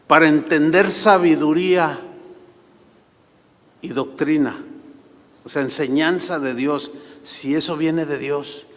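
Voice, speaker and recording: A man's voice: on the high side, fairly even intonation, takes it slowly, pauses often. A man preaching a sermon, telling stories and acting out the voices of the people in them. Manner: storytelling, acts out voices. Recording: long reverb of a large hall.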